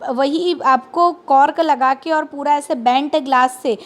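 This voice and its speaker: A woman science teacher giving a lecture, asking questions and answering them herself, and slowing down for terms spoken. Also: high voice. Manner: asks questions then answers them, slows for English terms. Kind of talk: classroom lecture.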